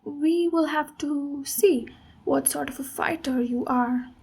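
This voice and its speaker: Voicing a big ogre warrior woman in an intimate ASMR fantasy roleplay, a woman speaks in a high, unhurried, creaky voice that is heavily acted. As a gentle mentor she takes her time with each phrase, sounding earnest and encouraging.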